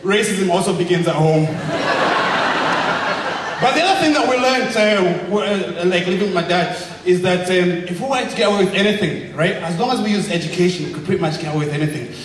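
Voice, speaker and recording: A young man from Zambia, doing an energetic, rabble-rousing stand-up comedy set and shouting his punchlines. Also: high voice, quick pace, very echoey, in a large hall, recorded from a distance, a little hiss or hum, poor audio. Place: comedy club stage. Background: audience laughter.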